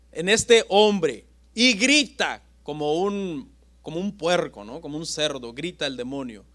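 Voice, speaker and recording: A man preaching a sermon as pastor, with dramatic pauses and swings between loud and soft. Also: sits high.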